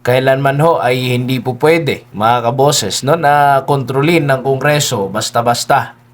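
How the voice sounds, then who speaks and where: A man's voice: medium pitch, unhurried. Man giving rambling political commentary. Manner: keeps addressing listeners, tags lines with "no?" and "di ba?"; polite, frequent respectful particles and hesitations. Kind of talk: solo online political commentary.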